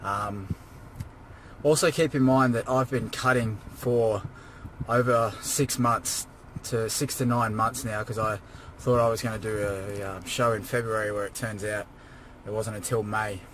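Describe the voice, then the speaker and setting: Inside a noisy car, a man with a low, steady, unhurried and slightly bright voice rants casually and rambles about his life. He's a fitness vlogger preparing for a bodybuilding show, worn out and drained after a workout but still pushing himself forward.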